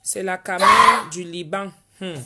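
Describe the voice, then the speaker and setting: A woman's voice: medium pitch, fairly even intonation, a little slow, heavy background noise. Chatty woman hosting a live stream. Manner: chatty, reads viewer names aloud and answers them. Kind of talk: casual livestream chat reading viewer comments. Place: at home.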